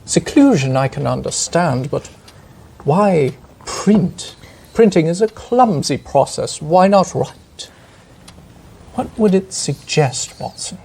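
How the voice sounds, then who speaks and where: A performer playing a composed, analytical Victorian gentleman detective in a mystery role-play, speaking formally and with measured care. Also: medium pitch, lively intonation, vocal fry, slightly rough, exaggerated voice. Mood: musing, analytical.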